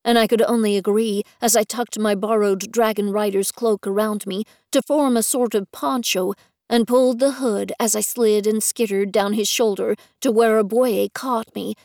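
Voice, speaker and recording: A woman narrating a first-person fantasy story in a clear, even storytelling delivery. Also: medium pitch, dry recording, clean studio sound.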